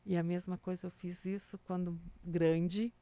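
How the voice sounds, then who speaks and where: A woman's voice: lowish voice, a little slow, no room sound. A woman, a music teacher for small children, telling stories in casual chat and acting out the quotes in them. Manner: animated storyteller acting out quotes, many "né?" tags.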